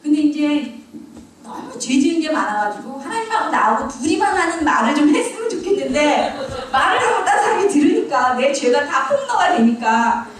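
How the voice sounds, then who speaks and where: A woman's voice: sits high, sing-song, moderate pace. A middle-aged woman, a church deaconess, giving her testimony with humor, mocking herself and laughing often. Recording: very echoey hall, mic far off.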